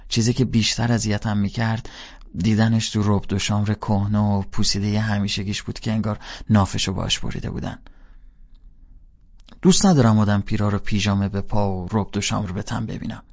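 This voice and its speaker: A man's voice: on the low side, fairly even intonation, no room sound, highs cut off. A man narrating a first-person audiobook in a casual, slangy storytelling voice.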